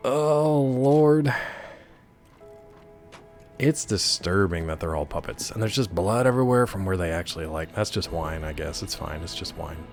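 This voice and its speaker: Animated low-voiced man streaming a game. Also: normal speed, soft background music. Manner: rambling, jokey, playful. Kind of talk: casual gameplay commentary, chatting with viewers.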